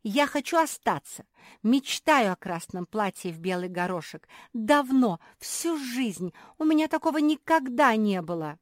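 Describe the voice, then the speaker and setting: A woman's voice: a little high, lively intonation, measured pace, no echo, voice pushed up. A woman voicing a small, tearful female dog who whines and pleads close to tears, in an audiobook. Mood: pleading. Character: high-pitched tearful little female dog. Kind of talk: audiobook character voice.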